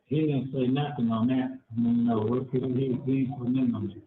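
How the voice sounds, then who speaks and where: A man talking on a prison phone line, halting and repeating himself. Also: medium pitch, fairly even intonation. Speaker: inmate on a jail call. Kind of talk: phone conversation. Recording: tinny echoey prison phone line, faint noise.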